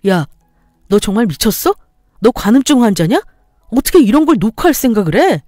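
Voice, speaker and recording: A woman voicing a cheating, resentful husband who shouts and sneers, in a story-radio reading. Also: medium pitch, expressive, a little fast, no room sound, studio quality, faint music behind, lightly acted. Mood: yelling.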